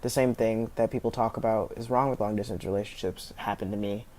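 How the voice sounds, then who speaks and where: A man answering interview questions in a hesitant, thoughtful way, with frequent pauses and fillers. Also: lowish voice, fairly even intonation, darkish tone, slight background noise.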